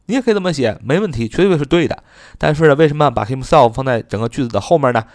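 A man's voice: medium pitch, animated, no room sound, clean studio sound. A man teaching English grammar in Chinese, asking rhetorical questions, answering them himself and spelling out words letter by letter. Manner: slow, careful English example sentences.

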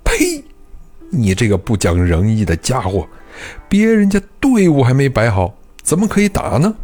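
A man's voice: medium pitch, very animated, measured pace, dark tone, husky, faint music behind. A man reading as a stubborn old duke, self-righteous. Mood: furious.

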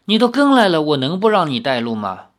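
A reader voicing Li Xiaoyao, a gentle, easygoing young swordsman, in a storybook audiobook. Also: medium pitch, very animated, brisk, lightly acted.

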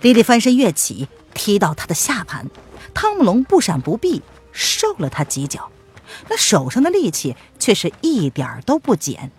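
Expressive woman audiobook narrator. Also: medium pitch, normal speed, breathy edge. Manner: expressive storytelling.

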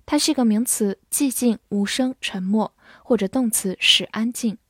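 A young woman teaching English vocabulary in a scripted lesson, spelling words out and reading model sentences slowly and clearly. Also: a little high, a bit bright, no room sound, clean studio sound.

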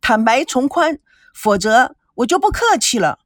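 Lady reading as a bossy young rich girl, high and sharp, dry close sound, scolding hard. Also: sing-song, unhurried, dry recording. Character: spoiled angry young rich woman interrogating. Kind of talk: audiobook character reading.

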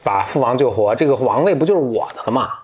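A man voicing an arrogant, scheming eldest prince in a told fairy tale, speaking in an impatient, brusque manner and a bit lower than his own voice. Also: animated, fast, slightly rough. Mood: eager.

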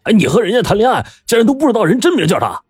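A man voicing a furious, greedy middle-aged uncle who shouts threats in a husky voice. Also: on the low side, big pitch swings, dry recording, clean studio sound. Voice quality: shouting, threatening, fast-tempered.

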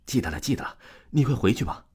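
A man's voice: medium pitch, big pitch swings, fast, warm tone, husky, pitched above the performer's own voice, exaggerated voice. A man voicing a frightened village gambler who talks in a trembling, hasty, placating way. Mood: terrified.

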